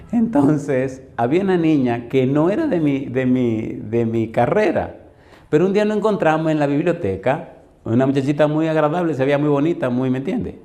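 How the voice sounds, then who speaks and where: A man in his fifties with a Dominican Spanish accent, preaching a colloquial storytelling sermon, often laughing and calling listeners "compadre". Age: 50s. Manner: animated, laughs often, acts out dialogue with pitch jumps. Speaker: pastor.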